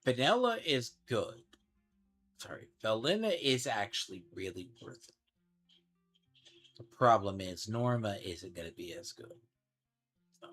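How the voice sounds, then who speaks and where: A man's voice: on the low side, animated, unhurried, pauses often, a bit bright, breathy edge. A man giving casual game commentary, rambling and thinking aloud as he speculates. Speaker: gaming streamer. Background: game music.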